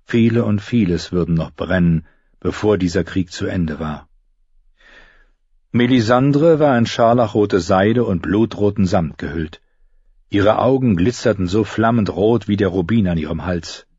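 Husky-voiced male audiobook narrator. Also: fairly low pitch, unhurried, a little mellow, dry recording, highs cut off. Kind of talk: scripted narration.

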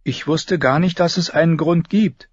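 A man's voice: on the high side, normal speed, slightly rough, no echo, muffled recording, voice pushed up. A man reading an audiobook, voicing an earnest, curious young noble boy. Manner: eager, questioning.

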